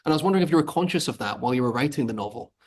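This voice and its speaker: A man hosting a casual interview over a video call, chatty and animated as he tells stories and asks questions. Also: medium pitch, breathy edge. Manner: quick, chatty, animated storytelling. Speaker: podcast host.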